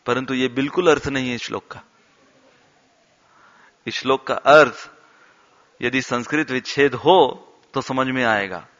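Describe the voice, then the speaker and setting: Slow, bright-voiced man in a reverberant hall. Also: a little high. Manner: animated storyteller, acts out quotes and laughs along. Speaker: temple speaker. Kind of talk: devotional talk with storytelling. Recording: dull sound with long hall reverb.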